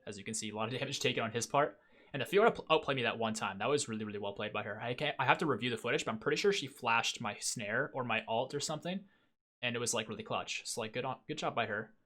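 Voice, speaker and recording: A man's voice: mid-range voice, bright, forceful tone. A young man hosting a gaming channel, chatting casually and self-critically through a post-game review with lots of fillers. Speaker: gaming video host.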